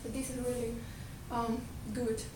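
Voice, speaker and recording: A Colombian woman whose first language is Spanish presents earnestly to an audience, her high voice flat and unhurried, and she often restarts her words. The recording comes from a distant mic in an echoey hall with background noise.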